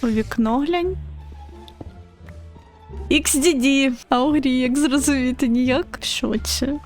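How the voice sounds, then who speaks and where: A woman's voice: high voice, takes it slowly, a little mellow, soft background music. A young woman streaming a game, chatting casually and squealing and laughing when she gets scared. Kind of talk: casual gaming commentary.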